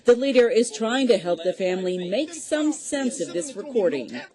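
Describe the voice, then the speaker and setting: A woman's voice: fairly high pitch, big pitch swings, normal speed, a little mellow. An American woman reporter reading a scripted television news story.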